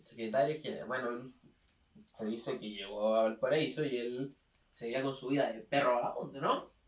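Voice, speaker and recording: A man's voice: mid-range voice, steady tone, normal speed. A young man co-hosting a casual literary podcast, often agreeing with "claro" and reading short passages aloud. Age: young adult. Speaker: podcast co-host. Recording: roomy echo, mic at a distance.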